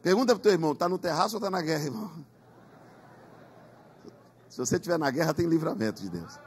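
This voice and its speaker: A man's voice: on the high side, expressive, fast. A man preaching a Pentecostal sermon in a church, emphatic, with call-and-response. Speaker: pastor.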